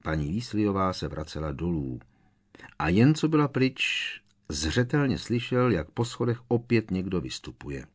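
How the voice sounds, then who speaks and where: A man reading an audiobook in steady storytelling narration. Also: low voice, breathy edge. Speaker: audiobook reader.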